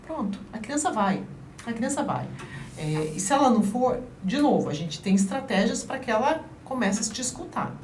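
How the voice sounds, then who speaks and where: A woman guest explaining child-rearing methods in an emphatic, lively way during an interview. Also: fairly high pitch, normal speed. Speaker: guest, parenting advisor. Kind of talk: interview conversation. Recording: roomy, distant mic, faint noise.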